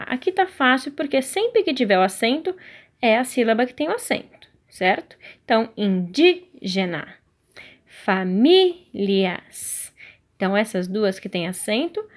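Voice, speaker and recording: Brazilian woman teacher, fairly high voice, patient, lesson-style delivery. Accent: Brazilian Portuguese. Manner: patient, stretches out key words slowly. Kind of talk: recorded online lesson.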